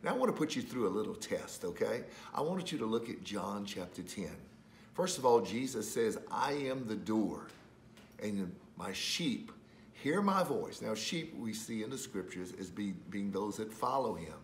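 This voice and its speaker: A man preaching a sermon as host of a ministry, calm when reading scripture and climbing to loud, high-pitched urgency as he presses his point. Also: moderate pace, a little hiss or hum.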